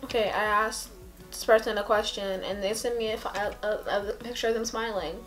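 Soft music plays behind a young woman's brisk, medium-pitched voice, fairly bright in tone with fairly even intonation. Sitting on a carpet at home late at night, this tired vlogger with a headache chats sleepily into a close camera at arm's length. She rambles giddily, hopping between topics.

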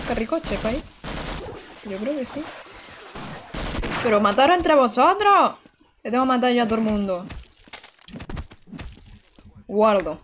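Brief: young female streamer from Barcelona, chatty and exclamatory, slightly high voice, desk mic. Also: slight background noise. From Barcelona, Spain. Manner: chatty, exclamatory, giggly, answering chat. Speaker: game streamer. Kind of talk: casual live-stream chat while gaming. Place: indoor room.

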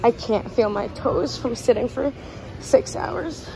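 Filming on a handheld phone, a young woman narrates her trip in a casual vlog, chatty and often giggling. Her fairly high voice moves slowly with vocal fry, set against a noisy crowd and passing vehicles.

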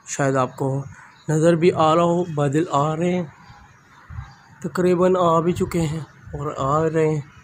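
On the high side but with a darkish tone, a young man chats casually to his phone, held at arm's length, as he rambles through a vlog. He talks straight to the camera, first on a rooftop and then in a small room, and the phone recording is noisy with outdoor ambience.

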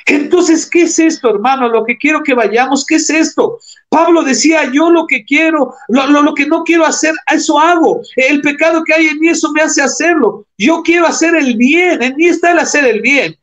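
A man's voice: extremely high pitch, normal speed, a bit bright. A man preaching a sermon, reading scripture aloud and explaining it, calling the congregation brothers and asking them rhetorical questions.

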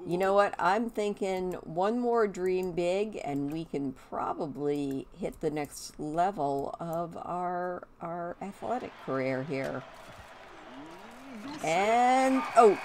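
A woman giving casual, chatty game commentary, talking to her characters, with a slight whistle on her s sounds. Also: lowish voice. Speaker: gameplay host.

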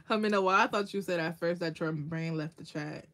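A woman's voice: on the low side, normal speed, a bit bright. Chatty woman hosting a nail livestream. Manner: chatty, answers viewers by name, laughs often. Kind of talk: casual livestream tutorial chat.

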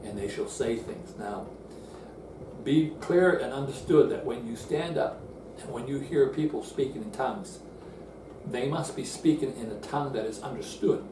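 An older man speaks at normal speed in a mid-range voice while seated for a Bible lesson in an indoor room in front of a screen. Working through verses earnestly and explanatorily, he often restarts phrases; the room sound is distant, roomy and noisy.

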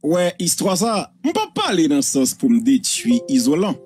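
A man's voice: on the high side, very animated, moderate pace, darkish tone, soft background music. A man giving reflective spoken commentary on a situation.

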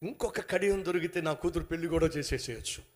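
A man voicing a greedy poor male passerby in a sermon story, excitable and grasping, with loud yelps. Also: fairly high pitch, fast, natural voice. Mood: scheming. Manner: excited, yelps loudly in pain.

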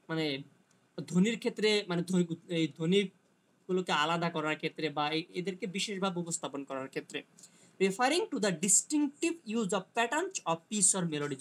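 A man giving an online linguistics lecture who explains slowly, reads English passages aloud and answers students by name. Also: high-pitched. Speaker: teacher.

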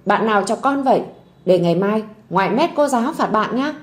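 A woman's voice: medium pitch, animated, brisk, natural voice. A woman voicing a tender, doting grandmother comforting a child, in a storybook audio drama. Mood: soothing. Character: tender old grandmother, soothing.

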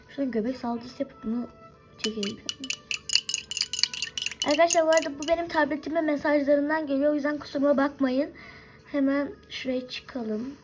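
A young woman with a high, light voice talks her viewers through a game in casual play-by-play. She chats constantly, addresses her audience directly and drifts into forgetful asides. Faint game music runs underneath. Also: darkish tone, low-quality recording. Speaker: gaming video host. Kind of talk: casual gameplay commentary.

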